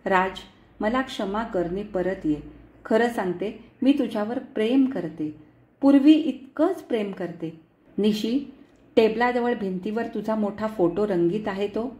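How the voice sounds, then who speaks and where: Mellow-voiced woman reading a story, echoey room. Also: mid-range voice, a little slow. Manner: tender, pleading letter-style narration.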